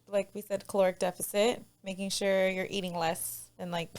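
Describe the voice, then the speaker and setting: A woman's voice: medium pitch, little pitch movement, normal speed, a little mellow. Giggly woman personal trainer. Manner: giggly, lots of "like" fillers. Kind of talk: casual podcast conversation.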